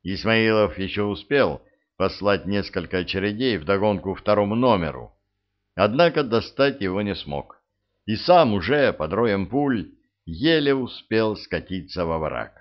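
Low-voiced man narrating a war story. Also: lively intonation, a little slow, dull audio. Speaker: audiobook narrator.

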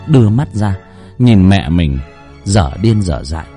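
A man narrating a dramatic Vietnamese folk ghost story with an expressive, swooping delivery. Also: sits low, unhurried, soft background music.

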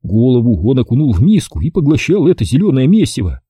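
A man narrating an audiobook in a lively, expressive storytelling manner. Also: medium pitch, fast, husky, no echo.

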